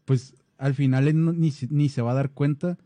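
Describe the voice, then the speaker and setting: Casually chatting as a podcast co-host, this man is a software developer from Baja California and speaks with a northern Mexican accent. He keeps a steady, mellow tone in a mid-range voice at a moderate pace. There's no room sound.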